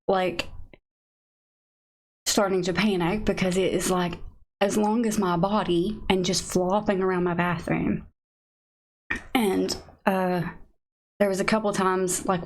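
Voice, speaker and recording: Gravelly rambling young woman streamer. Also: medium pitch. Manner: rambling, filler-heavy, frequent "like". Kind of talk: casual storytelling on a live stream.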